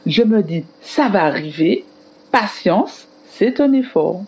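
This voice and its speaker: A woman teacher giving a scripted radio lesson to children in an expressive, explanatory manner. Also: mid-range voice, slow, husky, muffled recording. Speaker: primary school teacher on radio.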